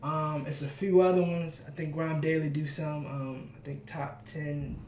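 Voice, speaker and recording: A man hosting a reaction video, talking casually while standing, hyped and full of shout-outs. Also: on the high side, little pitch movement, measured pace, a little hiss or hum. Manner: talks standing up. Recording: echoey room with music playing.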